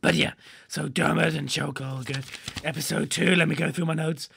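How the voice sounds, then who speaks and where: A man doing a goofy, laddish superhero for a comic podcast, with a gravelly, rasping voice pitched high and bright. The talk rambles along and keeps bursting into excited shouts. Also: a little fast, heavily acted. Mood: rambling. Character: goofy laddish male superhero chatting about TV.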